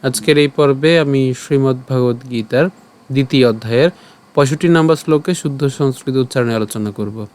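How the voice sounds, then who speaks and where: A man teaching Sanskrit verse pronunciation, breaking each word into slow syllables and explaining them clearly. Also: mid-range voice, darkish tone. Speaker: Gita recitation teacher.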